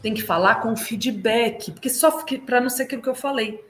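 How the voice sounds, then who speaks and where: Brief: Brazilian female consultant, higher voice, lively teacher manner, video call, faint ambience. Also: brisk, a little hiss or hum. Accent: Brazilian Portuguese. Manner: lively, explanatory, drills German sounds aloud. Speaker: migration consultant and German teacher.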